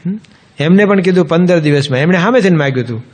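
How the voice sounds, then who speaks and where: A man with a Gujarati accent, a swami giving a humorous sermon, telling anecdotes and quoting others in an animated way. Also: fairly high pitch, quick pace.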